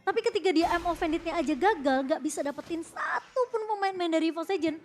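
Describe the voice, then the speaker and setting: Indonesian woman, esports co-caster, extremely high-pitched, emphatic colloquial analysis over clear background music. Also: lively intonation, fast. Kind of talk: live esports commentary and analysis. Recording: music behind the commentary.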